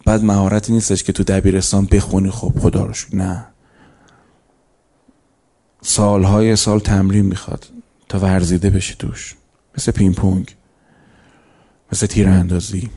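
A man lectures on faith and character before a live audience, his voice mellow and dark with a gravelly edge. He talks in a loose, conversational way and tells small stories. Now and then he lifts into sharp, emphatic peaks. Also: sits low, level tone, long pauses. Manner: conversational, storytelling, rises into emphatic bursts. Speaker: lecturer on religious ethics. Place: lecture hall.

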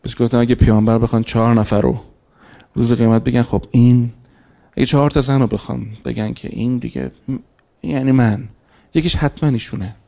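A man's voice: mid-range voice, steady tone, gravelly, dark tone. A man giving a conversational religious lecture to a live audience, telling stories and breaking into emphatic bursts. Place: lecture hall.

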